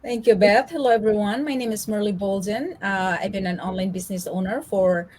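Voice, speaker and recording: A woman's voice: medium pitch, fairly quick, darkish tone. A woman, introducing herself on a live video chat in a cheerful, grateful way, with lots of "um" and "uh". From the Philippines. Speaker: co-host, business owner.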